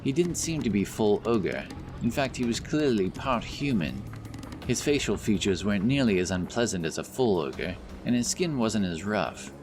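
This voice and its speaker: Reading fantasy narration from a script, a man with a fairly low voice swings his pitch widely while keeping a normal speed. The audiobook has background music and effects.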